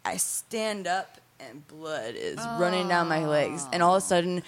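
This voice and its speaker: A young woman with a lowish voice tells blunt, crude stories in a relaxed chat. She rambles and restarts as she goes, with plenty of fillers. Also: a little slow. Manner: candid, crude storytelling with frequent fillers. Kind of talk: casual chat.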